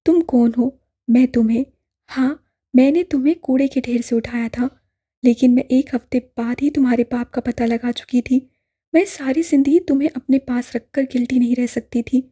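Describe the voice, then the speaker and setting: A woman's voice: a little high, dark tone, slightly rough. A woman voicing an adoptive mother who insists tearfully on her love, in an audiobook drama. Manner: insistent, emotional.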